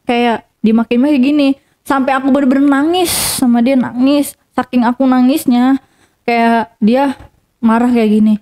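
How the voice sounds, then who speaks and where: A woman's voice: sits high, steady tone, normal speed, darkish tone. A young woman telling a personal story casually to an interviewer, rambling with many fillers and restarts.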